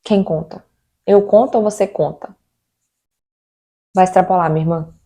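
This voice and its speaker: A woman's voice: lowish voice, normal speed, mellow. A young Brazilian woman with a Brazilian Portuguese accent, venting casually to her viewers about her home renovation and asking rhetorical questions. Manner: chatty and exasperated, with rhetorical questions. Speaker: vlogger.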